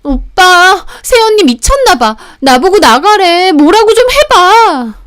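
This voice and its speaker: A woman voicing a bratty, sharp-tongued young sister-in-law who whines and shrieks. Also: sits high, animated, brisk, no room sound, clean studio sound, pitched above the performer's own voice. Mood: tattling.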